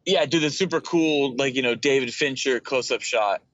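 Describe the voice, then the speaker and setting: A man's voice: mid-range voice, moderate pace, a bit bright. A man co-hosting a casual podcast chat, joking and teasing his co-host. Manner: joking, teasing, laughs easily. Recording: dull lo-fi mic.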